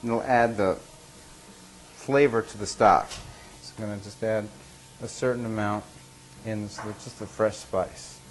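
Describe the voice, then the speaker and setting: A man's voice: on the low side, fairly even intonation, a little slow, long pauses. A man giving a casual cooking demonstration as host, plain-spoken and talking as if to a buddy. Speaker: cook hosting a cooking show. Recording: noisy live room sound.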